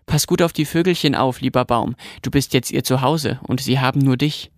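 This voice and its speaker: Man doing a curious little girl, pleading, quick to get cross, dry close read. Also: medium pitch, no echo, lightly acted. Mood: wistful.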